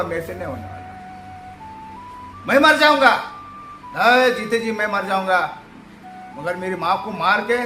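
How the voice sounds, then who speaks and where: A man's voice: high voice, pushed and bright. A man voicing a devoted grown son who pleads in anguish, in a roomy echo.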